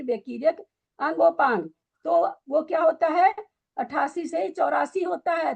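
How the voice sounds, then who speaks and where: A woman's voice: sits high, vocal fry, darkish tone. A woman teaching a scripture study class, quizzing and scolding her students with pointed questions.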